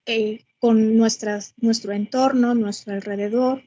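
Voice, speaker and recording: A woman's voice: fairly high pitch, fairly even intonation, unhurried, dark tone, muffled recording. A woman teacher answering interview questions over a video call, speaking thoughtfully and with hesitation.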